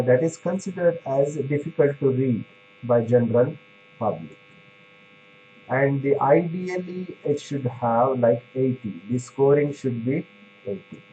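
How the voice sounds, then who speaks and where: Guy lecturing pharmacy students, slow and halting, lots of uh and um, kinda dull lo-fi sound. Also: mid-range voice, warm tone, slight background noise. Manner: halting, many fillers and restarts; explanatory, checks in with "right?". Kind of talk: classroom lecture.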